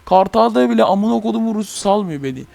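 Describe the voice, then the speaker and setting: A young man vents about an online game in a casual, heated rant, swearing often as he talks straight to his viewers. His voice sits high for a man and has a gravelly, fry-laden texture. He speaks into a desk microphone. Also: animated, quick pace, darkish tone, dry recording. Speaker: gaming channel host.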